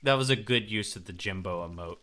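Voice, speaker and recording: Bright-voiced young male streamer. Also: fairly low pitch, fairly quick. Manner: loose, joking, talks to chat. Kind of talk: casual game stream chat.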